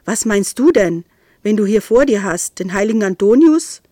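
A woman's voice: mid-range voice, normal speed, no echo, clean studio sound, lightly acted. Woman doing Nero, a cheeky greedy tomcat. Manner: lively, cheeky, raised voice.

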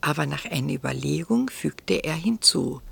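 Gravelly whispering woman storyteller. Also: low-pitched, animated, moderate pace. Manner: quiet, soft whispered narration. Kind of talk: whispered role-play.

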